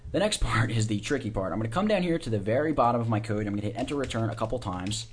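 A man teaching software in a casual screencast, informally talking through each click and keystroke as he does it. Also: mid-range voice, animated, very fast, a little hiss or hum. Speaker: software tutorial instructor. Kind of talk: casual step-by-step screencast tutorial.

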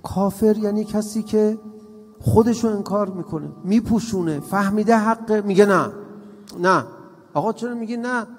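A man preaching a sermon to a live audience, repeating rhetorical questions and swinging between loud appeals and hushed lines. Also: high voice. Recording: reverberant hall with faint music.

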